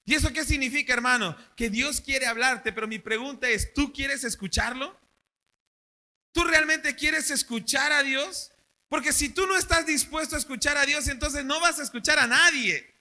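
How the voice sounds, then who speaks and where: A man's voice: extremely high pitch, moderate pace. A male pastor, preaching a sermon at a church service and asking the congregation questions. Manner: animated, asks the congregation questions.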